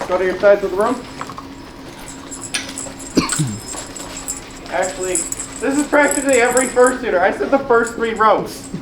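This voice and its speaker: A convention panel host talks to a live room in a playful, teasing way, calling people up on stage. The voice sits in the middle of the pitch range. It echoes around a large room over a faint hiss.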